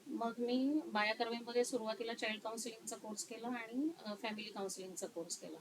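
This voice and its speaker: Measured woman counselor, crowd behind. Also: fairly high pitch, steady tone, poor audio. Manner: thoughtful, many pauses and fillers. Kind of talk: interview.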